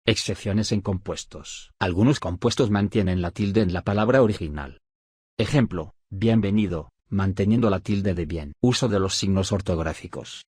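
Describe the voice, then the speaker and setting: A man reading spelling rules aloud as a scripted study audiobook, in a measured, list-like dictation with pauses. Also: deep voice, a little mellow, husky, no room sound, studio quality. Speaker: audiobook narrator of a study syllabus.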